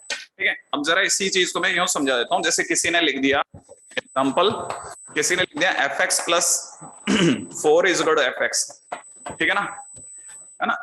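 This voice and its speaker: A male math teacher lectures in a bright, somewhat high voice and stretches out key terms as he writes them. He keeps checking that his students follow along. The sound is roomy and echoey, with a faint hiss underneath. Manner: explains step by step, keeps asking "हाँ या ना?" to check students follow; drawls key terms slowly while writing them. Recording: echoey room with faint background noise.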